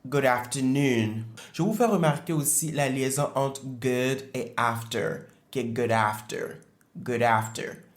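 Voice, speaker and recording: Man teaching English greetings, echoey room. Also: medium pitch. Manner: slow, careful modelling of words with repetition. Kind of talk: beginner language lesson.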